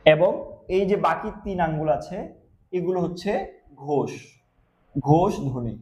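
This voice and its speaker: A man's voice: a little high, normal speed, reverberant, slight background noise. A young man and university student from Bangladesh teaching a lesson, asking and answering his own questions and stressing key terms. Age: young adult. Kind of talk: classroom lesson.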